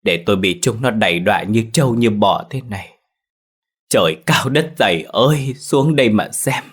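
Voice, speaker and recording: A man's voice: fairly low pitch, lively intonation, normal speed, breathy edge. A man voicing a sick, grieving old grandmother muttering her laments. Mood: lamenting.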